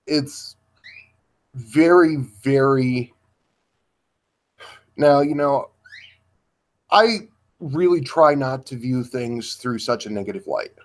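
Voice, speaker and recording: A man speaks at a deliberately slow pace, with frequent pauses as he feels his way toward each point. His voice sits in an ordinary middle register, and he talks in a halting, thoughtful way during a livestream discussion. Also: mid-range voice. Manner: slow and halting, pausing to search for words.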